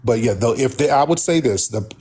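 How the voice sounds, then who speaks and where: A man's voice: mid-range voice, expressive, a little fast, a little mellow, slightly rough. An American man hosting a casual live talk, speaking in a blunt, colloquial way. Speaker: host.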